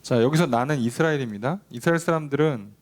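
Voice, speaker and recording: Leading a Bible study, a pastor talks quickly in a mid-range, darkish voice. His manner with the congregation is conversational, full of questions to them. He performs quoted exchanges between God and people.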